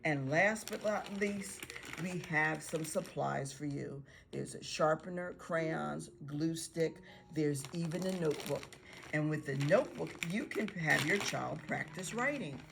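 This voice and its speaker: A woman teacher explains learning activities to parents in an encouraging way, sometimes acting out bits of dialogue. Her voice sits a little low and has a gravelly fry. She talks like a guide making a friendly how-to video. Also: unhurried, noisy background. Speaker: pre-K teacher.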